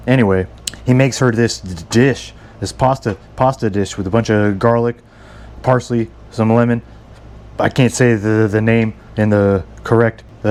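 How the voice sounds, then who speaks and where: A man's voice: medium pitch, a little mellow. A man talking casually through a home recipe, stammering and repeating words as he goes, rambling and self-deprecating. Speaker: home cook. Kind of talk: casual cooking vlog.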